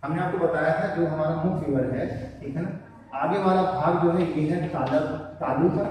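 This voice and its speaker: A man's voice: fairly high pitch, warm tone, a little hiss or hum. A man teaching a lesson to students, explaining step by step and answering his own questions. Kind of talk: classroom lesson on Hindi pronunciation. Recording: echoey room, voice from far off.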